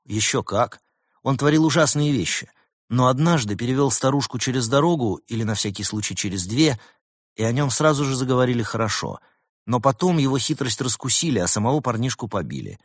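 A man voicing a shrewd talking male fox who explains things with lively insistence in an audiobook. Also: mid-range voice, fairly quick, dry recording, studio quality, voice pushed up, lightly acted. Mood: knowing. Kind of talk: audiobook character voice.

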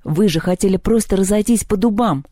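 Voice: mid-range voice, brisk, mellow, no echo, studio quality, pitched above the performer's own voice, lightly acted. A reader voicing a thoughtful teenage boy, desperate then pensive.

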